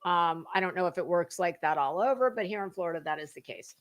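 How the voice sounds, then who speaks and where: Fast and on the low side, this woman's voice belongs to an American online commentator. She alternates dramatic document readings with snarky, gossipy remarks, delivered bluntly and with theatrical stress.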